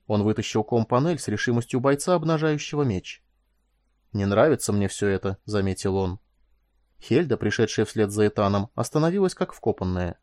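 A man reading an audiobook aloud, calm in narration and livelier in dialogue. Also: no echo, studio quality. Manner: raises pitch and volume for dialogue, calm in narration. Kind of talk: scripted narration voicing all characters.

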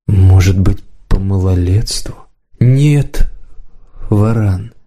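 A man voicing a powerful aging male court magician who mutters in a soft, bitter tone, in an audiobook reading. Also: mid-range voice.

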